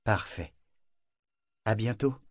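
A man reading a calm young woman sailor. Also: lowish voice, slightly rough, no echo, studio quality. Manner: calm, measured.

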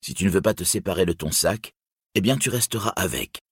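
A stern young outlaw captain, grave and commanding, with a bitter edge, as a man puts him on. The voice is deep and husky, in a dry storybook reading. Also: animated, brisk, dry recording, heavily acted.

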